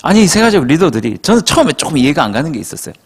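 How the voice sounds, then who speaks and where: A male pastor preaching to young adults, telling stories in an animated way and acting out quotes. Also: a little high, very fast, breathy edge. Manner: animated storytelling, acts out quotes. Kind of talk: sermon to a young adult congregation.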